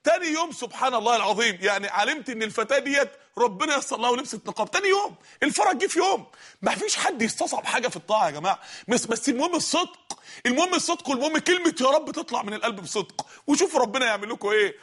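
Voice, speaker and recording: A male preacher with an Egyptian Arabic accent delivers a fervent sermon at a breakneck pace. His voice sits very high and sounds bright and forceful, and he rises into shouts as he exhorts the congregation. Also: lively intonation. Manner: fervent, fast, sometimes shouting. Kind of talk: impassioned sermon.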